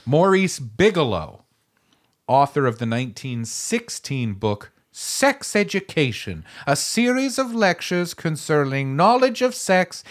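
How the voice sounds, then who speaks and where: A man's voice: fairly high pitch, very animated, unhurried. A man co-hosting a comedy podcast, reading old dating advice aloud and joking about it. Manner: reads old quotes aloud, jokey, laughs often. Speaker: podcast co-host. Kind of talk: casual comedic chat.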